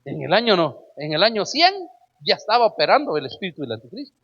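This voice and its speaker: A man's voice: sits high, sing-song, fast, a bit bright, muffled recording. A man preaching a sermon emphatically. He keeps addressing his listeners as brother and asks them rhetorical questions.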